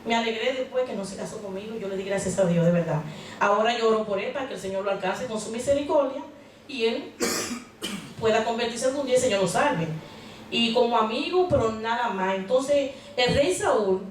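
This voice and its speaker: A woman with a voice on the high side preaches a sermon in a church hall, speaking conversationally and putting questions to the congregation. The hall is very echoey, the mic is far off, and there's a little hiss or hum.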